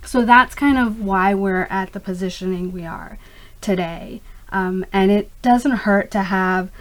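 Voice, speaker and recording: Speaking a little slowly in a mid-range voice, a middle-aged woman answers an interviewer's questions earnestly and at length, in a conversational tone. She's a startup founder and native Urdu speaker, born in Karachi, Pakistan, and raised in the United States since she was five.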